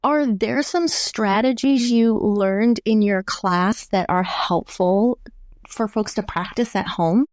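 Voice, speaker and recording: A woman hosting an interview, asking a measured, thoughtful question. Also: medium pitch, a little mellow, no echo, clean studio sound. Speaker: host.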